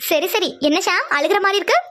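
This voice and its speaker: A woman's voice: very high voice, very fast, bright, forceful tone. A woman voicing a playful, teasing young niece in a cartoon.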